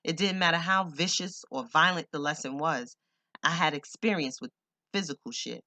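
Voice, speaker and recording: A man's voice: fairly high pitch, moderate pace, bright, forceful tone, no room sound. A man reading a first-person memoir audiobook in a blunt, streetwise, profane way. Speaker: audiobook narrator.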